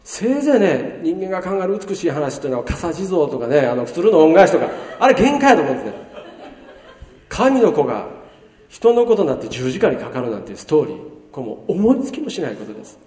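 A man's voice: on the high side, fast talker. Male pastor, sermon, bursts of emphasis, heard from afar in a reverberant church hall. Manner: lively preaching, swinging between loud emphasis and hushed asides. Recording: roomy hall reverb from far off.

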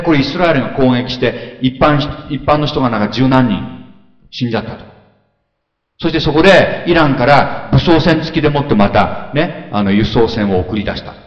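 A man preaching in a big echoey hall, and his voice swoops high and low as he tells the story. He acts out grumbling crowds with rapid muttering. The recording sounds dull and lo-fi. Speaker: pastor. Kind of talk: sermon.

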